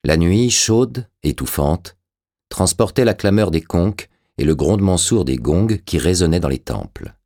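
Deep, husky male audiobook narrator. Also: expressive, normal speed, warm tone.

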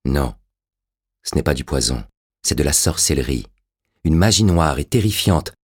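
A man's voice: very deep voice, lively intonation, normal speed, slightly rough, dry recording, studio quality, exaggerated voice. A man voicing a fierce, desperate young royal woman, speaking with urgent passion. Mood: anguished.

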